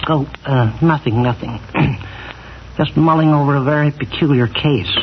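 A man acts out an old-fashioned country animal doctor for a radio comedy, absent-minded and given to rambling. His voice is on the high side, heard through the dull sound and faint noise of a vintage broadcast. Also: normal speed, natural voice. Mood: distracted. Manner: rambling, distracted, throat-clearing, repeats himself. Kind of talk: 1940s radio comedy-drama acting.

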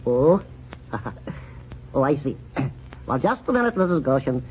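An actor playing a pompous, fussy older male country doctor who lectures in a drawn-out way, in old radio comedy. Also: medium pitch, very animated. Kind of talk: 1930s radio comedy acting. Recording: dull old radio recording with faint hiss.

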